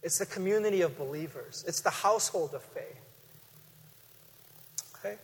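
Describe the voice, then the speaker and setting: A middle-aged man preaching a guest sermon in a conversational, animated way, with emphatic rises. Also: high-pitched, normal speed, breathy edge. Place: church sanctuary. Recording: reverberant hall.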